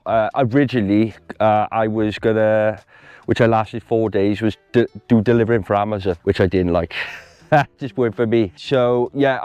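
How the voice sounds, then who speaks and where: A man's voice: medium pitch, a little mellow, clean tone, dry recording. A man with a Welsh accent talking casually and candidly about himself, often tagging phrases with "you know" and "like". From Wales. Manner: conversational, with frequent "you know" and "like" tags. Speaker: van dweller being interviewed.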